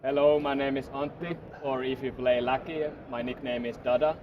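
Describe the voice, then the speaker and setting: Man, mid-pitch, shy finalist intro, muffled audio, crowd noise. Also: flat delivery, normal speed. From Finland. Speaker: tournament finalist. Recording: muffled with loud crowd behind.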